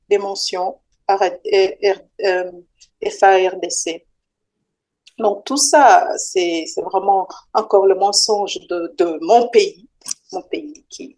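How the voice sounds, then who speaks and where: A female guest from Rwanda speaks at a slow, halting pace. She often stops and restarts her sentences and leans on fillers. Her pitch sits in a middle range for a woman. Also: warm tone. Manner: hesitant, many restarts and fillers. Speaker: guest, association member. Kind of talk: talk show interview.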